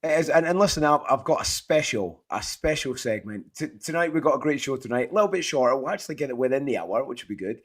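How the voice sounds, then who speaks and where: A Scottish man with a hoarse, half-lost voice, chatting casually and enthusiastically as host of a fantasy football show. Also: medium pitch, expressive, fast, hardly any pauses. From Scotland. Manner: matey, rambling, enthusiastic. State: hoarse, voice partly lost from shouting. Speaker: podcast host.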